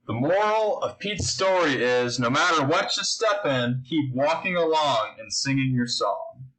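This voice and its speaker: A man's voice: mid-range voice, expressive, measured pace, fairly bright tone, poor audio. A man reading a children's picture book aloud, speaking simply and putting questions to his young listeners. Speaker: story reader.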